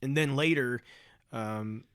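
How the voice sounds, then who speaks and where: A man co-hosting a podcast in casual chat, explaining background details at a steady pace with some fillers. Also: medium pitch, slow pace, clean tone, no room sound, clean studio sound. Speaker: podcast co-host.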